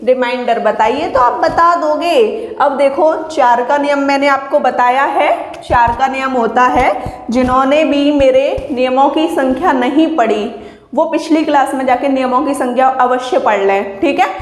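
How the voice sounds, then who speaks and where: A woman's voice: sits high, slight background noise. A woman teacher explaining exam math step by step, patiently asking and answering her own questions. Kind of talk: exam-prep math lesson. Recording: echoey room with long reverb.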